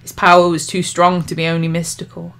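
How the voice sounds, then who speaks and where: A woman narrating her own novel in an expressive, measured storytelling manner. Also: on the low side, clear, resonant tone. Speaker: author reading her novel. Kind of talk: audiobook narration.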